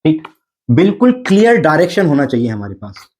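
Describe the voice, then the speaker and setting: A man's voice: on the high side, sing-song, brisk, darkish tone. A man teaching an exam preparation class, coaxing his students with repeated rhetorical questions and frequent check-ins. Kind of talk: exam coaching lecture.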